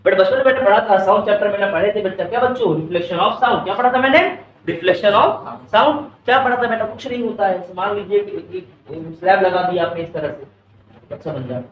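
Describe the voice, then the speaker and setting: A man's voice: high voice, brisk, a little hiss or hum. Quizzing male teacher in an echoey classroom. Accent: Indian English. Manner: keeps quizzing students, calls them beta. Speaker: physics teacher. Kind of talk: classroom lecture in Hindi and English. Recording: echoey classroom, mic far off.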